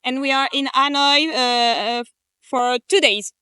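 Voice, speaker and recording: A woman's voice: sits high, measured pace, sharp tone, clear, resonant tone, dry recording, studio quality. A woman from France, a tourist, speaking hesitantly with many fillers.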